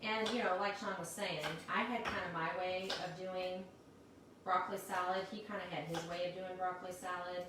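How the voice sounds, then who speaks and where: A woman's voice: fairly low pitch, fairly even intonation, moderate pace. A woman from Missouri co-hosting a casual cooking demonstration, chatty, explaining steps and laughing often. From Missouri, United States. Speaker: cooking show co-host. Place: home kitchen. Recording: echoey kitchen, mic far off, loud kitchen noise.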